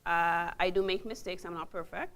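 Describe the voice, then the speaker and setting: A woman's voice: on the low side, fairly even intonation, normal speed, a bit bright. A woman leading a group workshop, coaxing people to speak with playful teasing. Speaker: workshop facilitator. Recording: noisy room recording.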